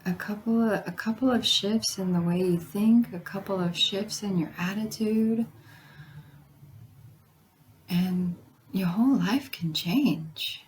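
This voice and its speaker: Slow-talking woman, voice giving out. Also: mid-range voice, a little hiss or hum. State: hoarse, losing her voice, breaking into whisper. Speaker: vlogger. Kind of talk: casual chat to viewers.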